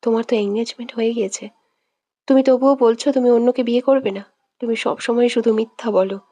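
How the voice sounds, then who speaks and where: A woman's voice: fairly high pitch, steady tone, a little fast, mellow, no echo, natural voice. A woman voicing a jealous young woman who sobs, pleads and accuses her beloved in a romantic audio story. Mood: tearful, accusing. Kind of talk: scripted audio drama reading.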